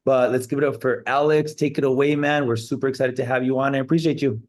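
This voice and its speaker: A man's voice: medium pitch, steady tone, quick pace. Guy hosting a call, hyping the guest, keeps going "right? guys". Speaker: host. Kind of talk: hype introduction. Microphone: video call.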